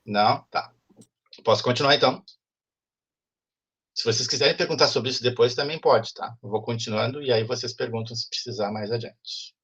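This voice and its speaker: A man teaches an online language class at a mid pitch. His voice is husky, and he keeps checking that the students follow. The call audio is muffled. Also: fairly even intonation, normal speed, fairly bright tone. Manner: explanatory, frequent "né?" checks with students.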